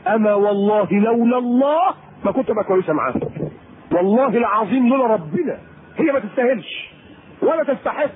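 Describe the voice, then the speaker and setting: Egyptian male preacher, playful and animated, on a thin phone-like lecture recording. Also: high-pitched, fast talker. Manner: lively, teasing, acts out quoted people. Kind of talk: colloquial sermon to women. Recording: tinny phone-like lecture tape with faint hiss.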